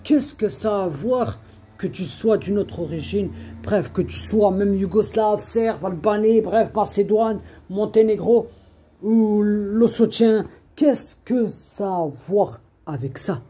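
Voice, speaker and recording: A man's voice: high-pitched, slow, dark tone. A man giving an informal religious reminder online, rambling and repeating himself, scolding in a streetwise way and dropping Arabic religious phrases into his talk.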